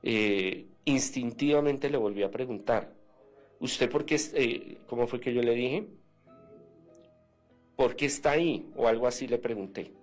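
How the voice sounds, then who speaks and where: Brief: male radio guest of medium pitch, animated storyteller who acts out quotes and fills pauses with "eh". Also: faint music behind. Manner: animated, acts out quoted dialogue, many hesitant fillers. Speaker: interview guest, former seminarian.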